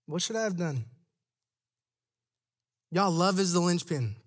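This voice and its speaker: A man's voice: high-pitched, expressive, unhurried. A man preaching a sermon to young adults, chatty and laughing at his own stories, then rising into an emphatic preaching cadence.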